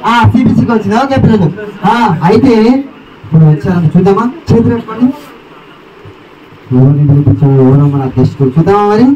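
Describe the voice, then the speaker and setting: A woman's voice: mid-range voice, fast, long pauses, highs cut off. A woman hosting a church puppet show for children, calling out questions and coaxing the kids. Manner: animated, coaxing, often shouting to a crowd. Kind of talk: lively call-and-response with children. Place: church hall with many children. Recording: far-off voice in a noisy crowded hall. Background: loud children's crowd and noise.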